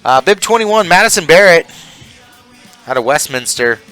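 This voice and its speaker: Bright-voiced race announcer guy, smooth and clear, calls times and cracks jokes. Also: a little high, expressive, normal speed, soft background music, low-quality recording. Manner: joking, reads bibs and times. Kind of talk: live sports commentary, banter.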